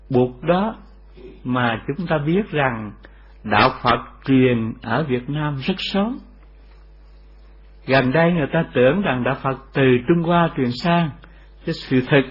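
Slow, husky man giving a dharma talk. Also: medium pitch. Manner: slow, explanatory, asks rhetorical questions. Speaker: Buddhist teacher. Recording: dull lo-fi recording.

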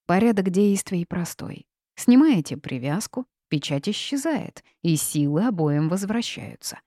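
Lady voicing a bitter old hag witch, raspy low voice, dry sound, totally unhinged. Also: expressive, measured pace, warm tone, no echo. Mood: scornful. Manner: cackling, wailing, half-mad. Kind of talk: audiobook character reading.

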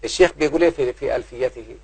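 A man's voice: medium pitch, very fast, breathy edge, low-quality recording. A man with an Egyptian Arabic accent explaining grammar to his pupils, checking again and again whether they have understood. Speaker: grammar teacher.

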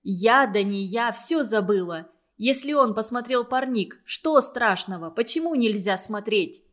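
A woman's voice: on the high side, animated, unhurried. A blunt, no-nonsense schoolgirl who cuts others off sharply and has little patience for nonsense, as a woman reading a storybook puts her on. Her voice is a little raised and firm. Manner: curt, sharp.

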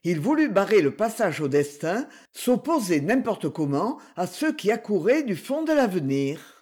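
A reader narrating a literary story as an audiobook, slow and expressive. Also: mid-range voice, husky.

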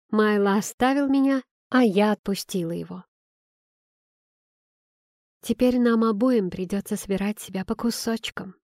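Mellow-voiced woman narrating an audiobook. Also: mid-range voice, no room sound, clean studio sound. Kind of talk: first-person audiobook narration.

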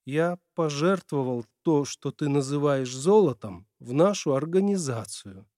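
A man's voice: fairly high pitch, expressive, a little slow, dark tone, no echo, studio quality. A man voicing an earnest, secretive teenage boy in an audiobook, explaining himself in a guilty, sincere way.

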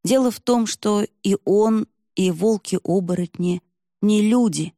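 A woman's voice: medium pitch, a little slow, dark tone, no echo, clean studio sound, lightly acted. A woman voicing a grumbling, weary older village man in an audiobook.

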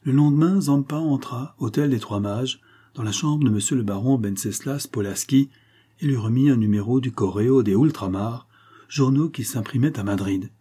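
A male audiobook narrator reading in a measured storytelling manner. His voice is warm and mellow, with a husky texture. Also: medium pitch.

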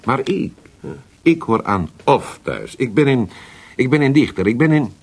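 In a radio drama, a male actor plays a worldly, scheming Italian poet with an Italian accent and a gravelly, husky, mid-range voice with a darkish tone. His animated delivery is theatrical and halting, peppered with Italian words, and his mood is expansive and proud.

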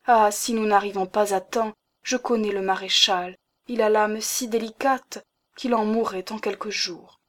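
A woman's voice: medium pitch, steady tone, unhurried, close to an everyday voice. A woman voicing a pious, anxious noblewoman with a raised, imploring delivery.

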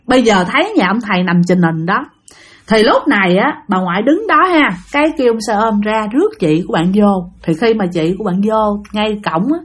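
A woman tells a ghost story in a chatty way, talking straight to her listeners. Her fairly high voice swings up and down with animation. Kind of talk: casual spooky storytelling.

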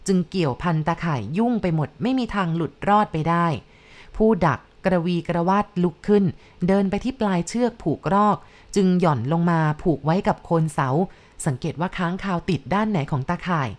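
A woman narrating a story in a calm, measured, descriptive reading voice. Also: fairly low pitch.

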